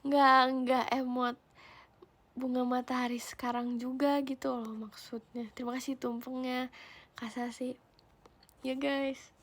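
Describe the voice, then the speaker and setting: A woman's voice: high voice, level tone, a little slow, long pauses. Giggly young woman. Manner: playful and giggly, often drops into a whisper. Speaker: idol livestreamer. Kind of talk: casual livestream chat, reading viewer comments.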